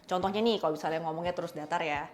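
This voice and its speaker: A woman's voice: fairly low pitch, racing. A woman co-hosting a podcast, explaining things casually and giving examples. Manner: explains with demonstrations, relaxed slangy delivery. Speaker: podcast co-host.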